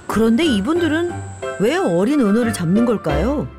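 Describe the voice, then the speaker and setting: A woman's voice: on the high side, big pitch swings, normal speed. Woman narrating a nature documentary over music. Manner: storytelling, speaking as one of the river's birds. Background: background music.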